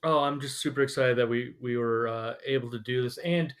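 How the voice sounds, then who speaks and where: A man's voice: mid-range voice, smooth. A man hosting a podcast interview, talking casually with frequent restarts and fillers. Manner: halting, many restarts and fillers. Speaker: podcast host.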